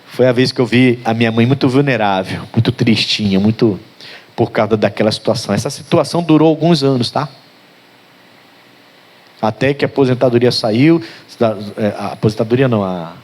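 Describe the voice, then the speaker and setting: A middle-aged male pastor preaching a sermon, telling a story from his youth, swinging from hushed and tender to loud and fiery, talking straight to his listeners. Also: medium pitch.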